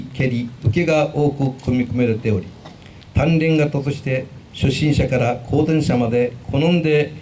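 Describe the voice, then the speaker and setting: Mellow man announcing formally, noisy recording. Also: mid-range voice. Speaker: announcer explaining karate kata. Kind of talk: formal scripted narration. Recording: noisy outdoor event recording.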